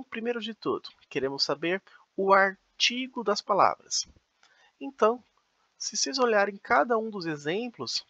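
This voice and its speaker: A man's voice: fairly high pitch, pushed and bright, no echo, dull audio. A man teaching a beginner German lesson, explaining patiently with frequent "então" and "né".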